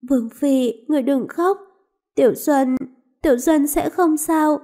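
A gentle young maid offers comfort, voiced by a woman narrator. Her voice is high and soothing. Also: a little fast, natural voice.

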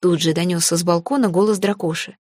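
A woman narrating a first-person fantasy tale in a lively, wry, chatty way. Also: fairly low pitch, fast talker, no room sound, studio quality. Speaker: audiobook narrator.

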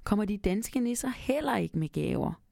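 A woman's voice: medium pitch, expressive, creaky, dark tone, no echo, studio quality, pitched above the performer's own voice. A woman voicing a curious young boy in a storybook reading, eagerly asking his grandfather questions.

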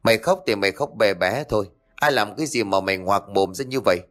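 Man doing a snappish, fast-talking grumpy husband. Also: fairly low pitch, close to an everyday voice. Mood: irritated. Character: irritable grumbling husband, middle-aged man.

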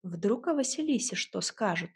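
A woman narrating a fairy-tale audiobook in the first person. Her telling is lively and wry, carried by a husky, slightly breathy voice at a middle pitch. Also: moderate pace.

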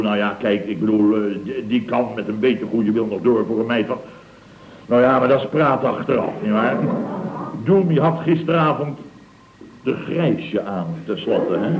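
In a comic radio drama, a male actor with a lowish voice plays a flustered, blustering middle-aged contractor boss who stammers, repeats himself and grumbles. The old radio recording sounds dull and roomy, with hiss.

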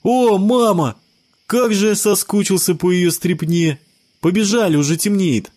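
A man voicing an excitable, defensive ten-year-old boy with a whiny manner in an audio story. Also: high voice, a little slow, voice pushed up. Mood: excited.

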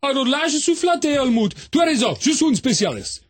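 A man voicing a flamboyant, excitable man, shouting in broken grammar in a radio comedy sketch. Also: fairly quick. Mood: flattered. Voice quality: high, shouting, mangled grammar.

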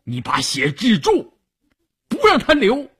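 A man voicing a stubborn male army commissar who shouts orders forcefully. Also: very high voice, huge pitch swings, a little slow, husky, pitched above the performer's own voice, exaggerated voice. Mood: commanding.

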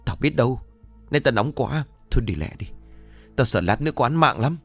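A man's voice: medium pitch, expressive, a little fast, creaky, faint music behind, pitched above the performer's own voice. A man voicing a brutal male loan-shark thug who threatens and snarls in an audio ghost story. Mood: nervous. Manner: menacing, snarling.

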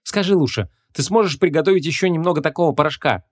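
A man voicing a brisk young female police detective in an audiobook. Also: a little high, pitched above the performer's own voice, close to an everyday voice.

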